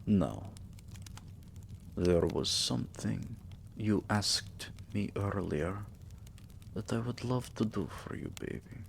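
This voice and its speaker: Acting as a vampire king doting on his lover in an intimate ASMR piece, a man murmurs in a very low, breathy, half-whispered voice that sinks into gravel. Each slow phrase is tender, possessive, gentle and seductive, animated and exaggerated, with a faint hiss beneath.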